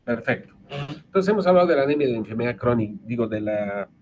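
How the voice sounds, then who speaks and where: A man's voice: medium pitch, animated, fast, darkish tone. A man with a Bolivian Spanish accent giving an online medical lecture, explaining step by step and often restarting his words. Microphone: video call. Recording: dull lo-fi video call audio with faint noise.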